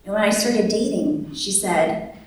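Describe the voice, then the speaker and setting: Young woman storyteller at a live event, dry humor, animated impressions; distant mic, very roomy hall. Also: medium pitch, a little slow. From born in Vietnam, raised in the United States. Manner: wry and humorous, animated, lively quoted voices. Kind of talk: live personal storytelling on stage. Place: large echoey venue at a live event.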